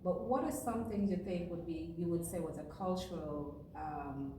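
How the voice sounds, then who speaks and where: A middle-aged woman host speaks with a Kittitian accent in a conversational interview style. Her voice sits a little low, and the room rings heavily around her, with clear noise behind. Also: moderate pace, mellow, very echoey, distant mic, rough recording. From Saint Kitts and Nevis. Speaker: podcast host interviewing a fellow.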